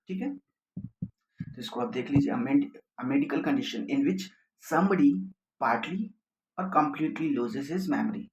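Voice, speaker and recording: A man teaches an exam vocabulary class at a middle pitch. He explains each word in Hindi and reads the English definitions slowly and deliberately. The voice carries a roomy echo over faint background noise. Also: darkish tone. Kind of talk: vocabulary lesson for exam prep.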